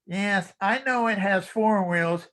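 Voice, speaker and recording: A performer speaking as an ancient, wisecracking alien tourist visiting Earth, giving a deadpan comic speech in a costume contest. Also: mid-range voice, takes it slowly.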